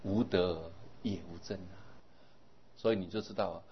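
A man giving a Buddhist dharma sermon, explaining at length and trailing many phrases with a drawn-out particle. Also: deep voice, fairly even intonation, slight background noise. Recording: dull lo-fi recording.

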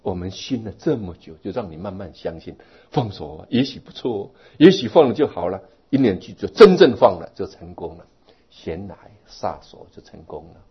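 A man giving a Buddhist dharma talk, animated and storytelling, drawing out particles at phrase ends, in a dull lo-fi recording. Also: sits low, normal speed, breathy edge. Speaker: Buddhist teacher.

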